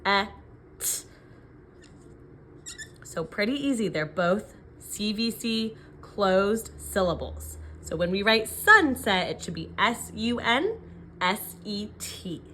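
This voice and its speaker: A woman teacher dictating sentences word by word, sounding out letters and syllables deliberately and checking in with questions. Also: mid-range voice, a bit bright, a little hiss or hum. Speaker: elementary phonics teacher.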